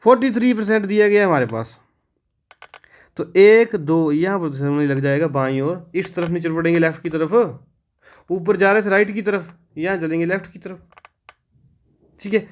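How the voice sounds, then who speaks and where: A man with a fairly high voice explains an exam-prep math lesson. He keeps asking his listeners questions and then answers them himself. He talks to them casually, calling them friends and brother. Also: normal speed, pauses often. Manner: asks students questions and answers them, repeats steps. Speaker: teacher.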